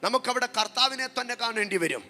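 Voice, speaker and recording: A man preaching a fervent sermon as pastor, repeating phrases and building up to shouts. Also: extremely high pitch, lively intonation, a little fast, soft background music. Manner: impassioned, repetitive, building to shouts.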